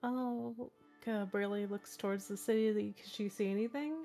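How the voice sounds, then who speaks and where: A woman's voice: mid-range voice, fairly even intonation, moderate pace, mellow, soft background music. A woman playing a tabletop game, asking playful questions and laughing easily. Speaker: player.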